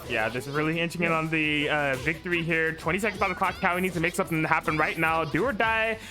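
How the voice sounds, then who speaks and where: A commentator on a fighting game tournament stream, excitable and laughing along with the plays. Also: mid-range voice, fast, music in the background. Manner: excitable, laughing, disbelieving shouts. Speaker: esports commentator.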